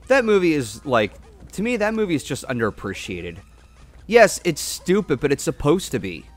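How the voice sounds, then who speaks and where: A man doing casual gameplay commentary as a streamer, excitable and foul-mouthed. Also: fairly high pitch, normal speed. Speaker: game streamer. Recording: game music behind. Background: video game music.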